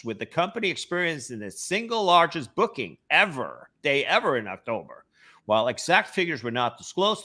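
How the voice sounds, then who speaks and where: Lively Norwegian-accented male host. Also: on the high side. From Norway. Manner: animated, hesitant with many fillers. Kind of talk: casual webcast chat.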